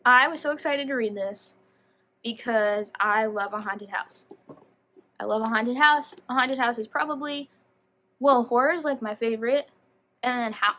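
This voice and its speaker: In a voice on the high side, a woman reviews a book for her vlog, chatty and casual. She is lively and full of slang, and she rambles and interrupts herself often.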